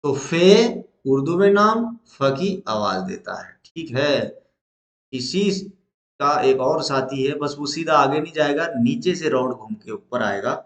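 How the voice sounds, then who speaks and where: A man's voice: medium pitch, expressive, a little slow, a bit bright, reverberant. A male teacher, leading a lesson at the board, asking questions and answering them himself.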